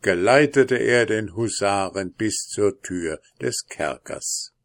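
A man reading a fairy tale aloud in a slow, measured way. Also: on the low side, lively intonation, no room sound, studio quality. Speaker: narrator.

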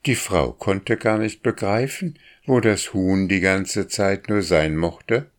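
A man's voice: sits low, takes it slowly. A man voicing a proud male crow chieftain who speaks with scorn and tells a tale in a storybook. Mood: scornful, reminiscing.

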